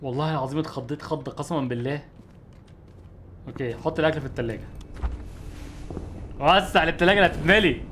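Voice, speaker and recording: A young man with an Egyptian Arabic accent, giving excitable, jokey commentary as a streamer while he plays a game. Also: fairly high pitch, quick pace, long pauses, a little hiss or hum. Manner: excitable, jokey, easily startled. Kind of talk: gameplay commentary.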